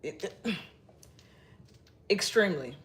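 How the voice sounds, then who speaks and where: A middle-aged Massachusetts woman hosting a livestream takes it slowly, her voice on the low side, expressive and fairly bright. Her casual chat with viewers is shy and rambling, with many restarts.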